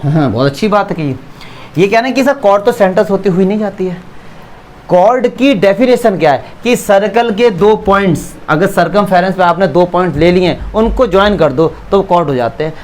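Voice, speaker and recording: A man teaches a maths class in a classroom lecture, asking questions, answering them himself, and joking with his students. His voice is high and expressive, at a moderate pace, with a little hiss or hum in the recording.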